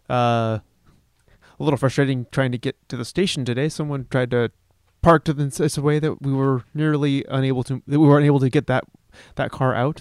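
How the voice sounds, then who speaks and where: A man co-hosting a casual radio talk show from a studio, rambling with halting restarts. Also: mid-range voice, a little mellow, clean tone, no echo. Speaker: co-host.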